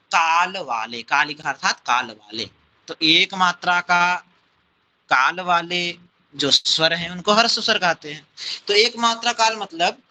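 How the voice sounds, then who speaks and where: Bright-voiced man teaching Sanskrit grammar. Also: high voice, rough recording. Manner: explains step by step, repeats terms, asks the class questions. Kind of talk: classroom lecture.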